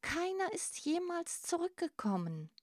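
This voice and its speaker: A woman's voice: very high voice, sing-song, unhurried, dry recording, clean studio sound, voice pushed up, exaggerated voice. A woman voicing a cautious group of older crabs who warn insistently, in a storybook. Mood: pleading. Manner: warning, insistent.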